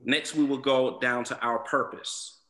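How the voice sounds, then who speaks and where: A man's voice: medium pitch, fairly even intonation, unhurried, pushed and bright. A man from Southwest Atlanta, giving an earnest prepared presentation to a zoning commission, with frequent ums and repeated words. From Southwest Atlanta, USA.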